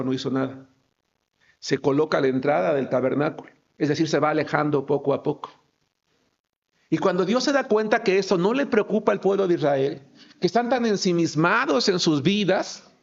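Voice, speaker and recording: Gravelly pastor preaching. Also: male voice, on the high side. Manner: emphatic, asks the congregation rhetorical questions. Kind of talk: sermon. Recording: dull lo-fi recording.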